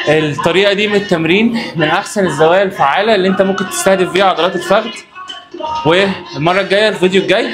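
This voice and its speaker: Egyptian man, gym vlogger, high voice, teasing banter, music behind. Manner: joking, teasing banter between sets; coaching instructions. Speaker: fitness vlogger. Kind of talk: casual workout vlog.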